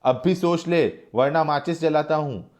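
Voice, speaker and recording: A man's voice: on the high side, measured pace, darkish tone, voice pushed up, natural voice. A man voicing a cruel, scheming male official in a play who taunts and barks orders. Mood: enraged.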